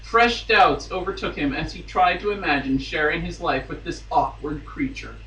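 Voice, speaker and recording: A guest reader on a podcast performs a romance novel with theatrical drama, slipping into amused asides. His voice is fairly high and a bit bright, at a moderate pace. The recording sounds roomy, with a distant mic and faint noise.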